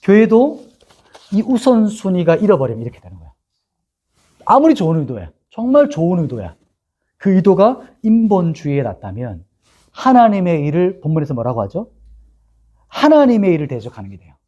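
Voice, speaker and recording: A man's voice: high voice, normal speed, long pauses, muffled recording. A male pastor teaching a Bible lesson, asking his listeners questions and reading scripture aloud with them. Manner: animated, asks the congregation questions, reads scripture aloud together.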